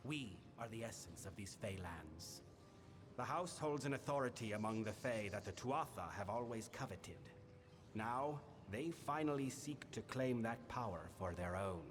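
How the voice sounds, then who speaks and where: A man's voice: medium pitch, lightly acted. Man playing a solemn Fae lord in a reverberant hall. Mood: grave. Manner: grave, measured, formal. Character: solemn, imperious male Winter Fae lord of a failing house. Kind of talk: scripted fantasy game dialogue. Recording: long hall reverb, background noise.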